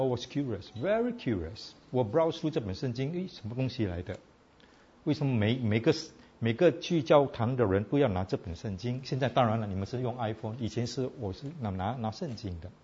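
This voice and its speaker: Lively code-switching male preacher. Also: mid-range voice, husky, muffled recording. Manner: animated, asks the audience "all right?" often. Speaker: preacher teaching a Bible class. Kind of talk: casual sermon mixing Chinese and English.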